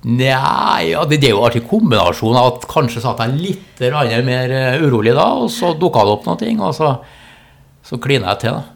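Creaky-voiced man with a Trøndelag accent. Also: mid-range voice, sing-song. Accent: Trøndelag Norwegian. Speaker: interview guest, business executive. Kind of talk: casual conversational storytelling.

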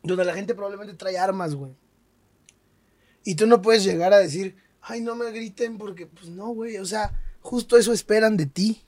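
Hombre mexicano de voz aguda y ronca. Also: male voice, sits high, normal speed, darkish tone. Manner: slangy, emphatic storyteller. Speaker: stand-up comedian guest. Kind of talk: casual podcast interview.

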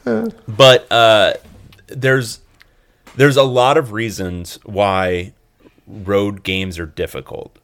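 A man's voice: lowish voice, steady tone, slow pace, pauses often, a bit bright. A man co-hosting a casual sports podcast, chatty and analytical, hedging his points. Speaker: podcast co-host.

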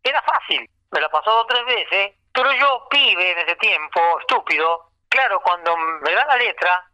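Argentine male storyteller, higher-pitched bright voice, dry close sound, lively anecdotal delivery. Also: moderate pace, no room sound, muffled recording. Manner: lively storyteller, acts out remembered dialogue. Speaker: singer recalling his career. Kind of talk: casual anecdote telling.

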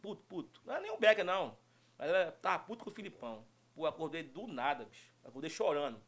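Man, middle-aged, fairly high voice, very lively intonation, animated storytelling, casual chat. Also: fast. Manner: animated storytelling with frequent laughter. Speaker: guest storyteller.

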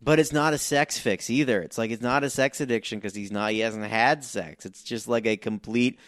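A man who is a comedian, a guest on a podcast, talking in a halting, reflective way with many restarts. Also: medium pitch, a bit bright, no room sound, studio quality. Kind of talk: casual podcast chat.

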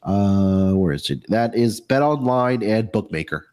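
A man's voice: fairly low pitch, lively intonation, measured pace, darkish tone, smooth. A man hosting a casual sports betting talk, sounding under the weather with a froggy, congested voice. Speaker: sports betting show host.

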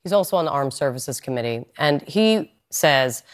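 A woman with a standard American accent interviewing on live television news, asking measured, probing questions. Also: extremely low pitch, animated.

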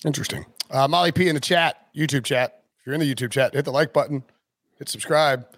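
A man's voice: mid-range voice, steady tone, fast, fairly bright tone, no echo, studio quality. A man in his forties hosting a casual sports podcast, joking and teasing his co-host. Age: 40s.

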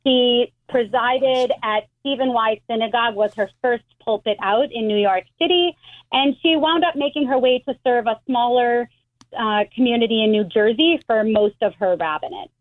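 Woman, middle-aged, American accent, rabbi, measured and explanatory, phone-line sound. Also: a little high. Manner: measured, explanatory, many restarts. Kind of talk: phone interview.

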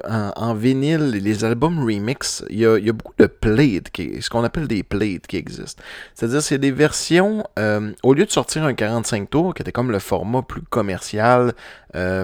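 A man's voice: lowish voice, no room sound, clean studio sound. A middle-aged man with a Québécois French accent, hosting a podcast and chatting casually about vinyl records, with many fillers and restarts. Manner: rambling, frequent fillers and restarts. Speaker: podcast host.

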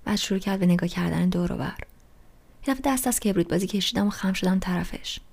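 A woman's voice: mid-range voice, creaky, darkish tone, breathy edge. A woman reading a novel aloud in a plain, conversational first-person storytelling manner. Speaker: audiobook reader.

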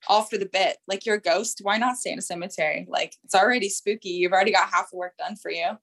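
A woman's voice: medium pitch, fast talker, vocal fry, fairly bright tone, poor audio. A woman from the US Midwest, a caller on a podcast, chatting casually, laughing often and using "like" a lot. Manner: giggly, with frequent "like" fillers. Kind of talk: casual chat.

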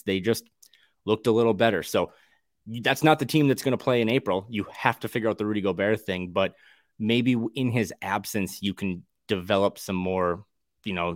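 A man co-hosting a sports podcast in casual chat, talking quickly and wryly, with many restarts. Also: fairly low pitch, no echo, clean studio sound.

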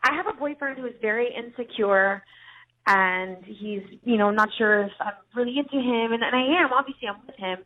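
A woman's voice: on the high side, a little fast. A woman caller leaving an earnest, rambling voicemail asking for advice, played back on the air. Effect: voicemail message played over the air. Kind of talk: recorded voice message asking for advice. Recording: tinny phone-line voicemail.

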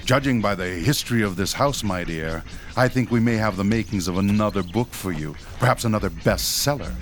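In a horror radio drama, an actor plays a principled ghost hunter in his fifties who is formal, professorial and somewhat patronizing. The mood is solemn and firm. His natural voice is lowish and fairly quick, with faint music behind it.

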